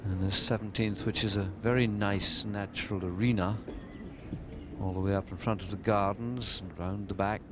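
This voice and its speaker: A man's voice: on the low side, fairly even intonation, moderate pace. A man giving descriptive live golf commentary in an understated, conversational way. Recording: noisy outdoor sports broadcast.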